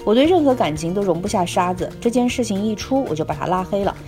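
Woman reading out a listener letter on a podcast, even conversational voice, faint music underneath. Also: medium pitch, fast talker. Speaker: podcast co-host.

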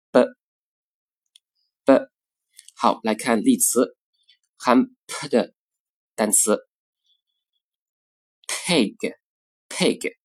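A man's voice: medium pitch, a little mellow, breathy edge. A young man teaching English consonant sounds in a bilingual pronunciation lesson, carefully repeating each example word twice. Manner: slow, careful drilling of example words twice.

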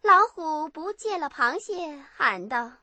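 A woman narrating a bedtime story for children in an expressive, animated way. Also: high voice, slow.

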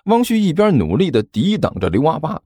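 A man narrating an audiobook in an animated storytelling manner. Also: a little high, brisk, husky, no room sound, studio quality.

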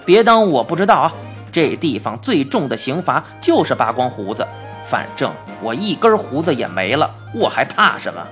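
A woman voicing a brash, rough-spoken father with a Beijing accent. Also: rumbling low, sing-song, moderate pace, faint music behind, voice pushed down. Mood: gruff. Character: gruff blustering Beijing father.

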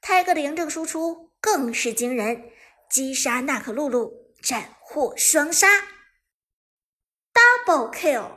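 A woman narrates a novel set in a competitive video game tournament. Her voice sits high, and her delivery is animated, rising sharply on the action beats. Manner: lively storytelling, bursts into fast shouted game commentary. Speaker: audiobook narrator. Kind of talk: scripted narration of a web novel.

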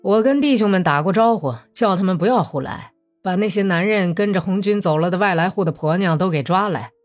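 A woman voicing a smooth-talking male Cossack commander who coaxes and persuades. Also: medium pitch, brisk, soft background music, close to an everyday voice. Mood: coaxing. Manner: cajoling, persuasive.

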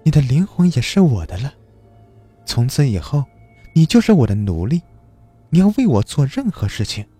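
A man's voice: on the high side, huge pitch swings, unhurried, pauses often, warm tone, slightly rough, dry recording, faint music behind, voice pushed up, full character voice. A man putting on a cold mocking female demon. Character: cruel soul-stealing female demon.

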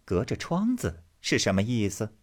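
A man's voice: lowish voice, huge pitch swings, normal speed. A man voicing a shrewd sarcastic noblewoman. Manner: cold, sarcastic. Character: shrewd jealous noblewoman, sharp-tongued.

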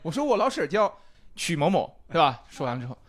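A man's voice: fairly high pitch, fast. A man in casual chat, telling a story and acting out the people in it. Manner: lively, acts out quoted voices. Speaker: guest comedian.

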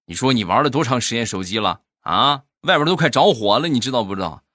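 A man voicing his angry wife in a comic story, scolding him with sharp accusing questions. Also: mid-range voice, expressive, quick pace, no room sound, clean studio sound.

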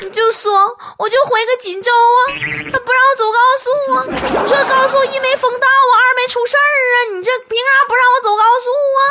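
A woman's voice: very high voice, fairly even intonation, brisk, very noisy, voice pushed up. Woman doing a sobbing, whiny grown man. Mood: tearful complaint. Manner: wailing, pleading, childish.

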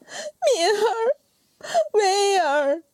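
A woman voicing a desperate, grief-stricken young noblewoman who is wronged, in a high, strained and tearful voice. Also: normal speed, dark tone, no echo, studio quality, close to an everyday voice. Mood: wailing.

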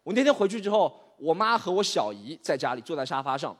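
A man in his thirties from Shanghai doing a stand-up set, animated and exasperated as he tells stories on stage. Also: on the high side, quick pace. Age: 30s. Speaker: stand-up comedian. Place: comedy stage. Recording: reverberant hall.

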